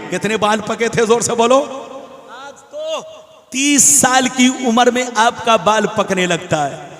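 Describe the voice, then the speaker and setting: Man, preacher, sermon, very high voice, slow, chanting, crowd call-and-response, echoey PA, long reverb. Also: fairly bright tone. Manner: fervent, chants quotations, urges the crowd to call back. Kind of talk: sermon at a religious gathering. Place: large public gathering.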